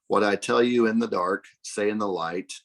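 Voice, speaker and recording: Deep-voiced man reading scripture aloud. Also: normal speed, fairly bright tone, poor audio. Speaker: class member reading scripture. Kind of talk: reading Bible verses aloud.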